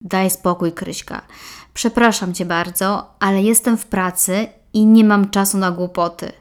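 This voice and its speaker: A woman's voice: medium pitch, steady tone, measured pace, lightly acted. Woman doing an impatient dismissive son.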